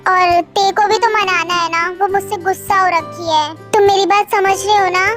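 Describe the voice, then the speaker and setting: A young woman voicing a sweet, polite young woman who speaks softly, in a storybook reading. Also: extremely high pitch, steady tone, moderate pace. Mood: gentle. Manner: soft, polite. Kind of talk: storybook voice acting. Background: faint background music.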